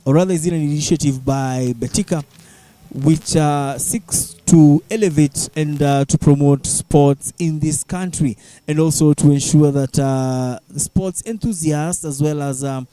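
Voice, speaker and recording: Mellow, higher-pitched Kenyan-accented male sports commentator. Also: no room sound. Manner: halting, filler-heavy delivery. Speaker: sports event commentator and host.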